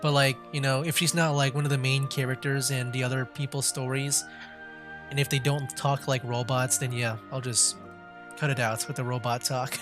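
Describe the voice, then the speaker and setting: With music in the background, a gaming streamer narrates his play of a story game at normal speed, his medium-pitched voice level in tone. The let's-play commentary is casual and chatty, filled with fillers and laughter.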